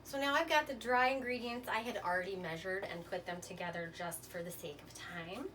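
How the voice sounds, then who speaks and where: A woman's voice: medium pitch, brisk. A woman hosting a casual home cooking demonstration, chatty and folksy in a playfully self-deprecating way. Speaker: home cooking show host. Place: home kitchen, indoors. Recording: noisy home kitchen recording.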